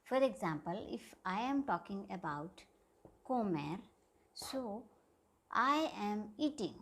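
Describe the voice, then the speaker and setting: A woman teaching a language lesson in a slow, careful way. Her voice is slightly breathy. She pauses often and repeats the key words so they sink in. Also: mid-range voice, very animated. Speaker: Spanish teacher. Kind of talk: whiteboard grammar lesson.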